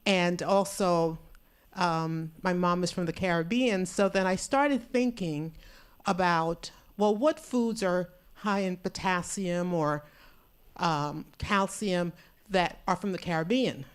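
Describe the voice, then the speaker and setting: A woman's voice: fairly low pitch, slow pace, smooth. A woman in the audience sharing a rambling personal comment at a conference, with light laughs. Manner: meandering, chatty, laughs lightly. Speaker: audience member. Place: conference hall.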